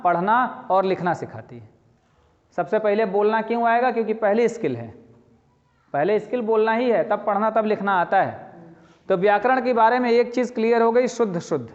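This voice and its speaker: A man teaching a lively lesson, explaining with spoken examples and asking his students questions as he goes. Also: sits high, moderate pace. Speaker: English teacher. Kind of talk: classroom-style lecture. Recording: dull lo-fi sound with long reverb.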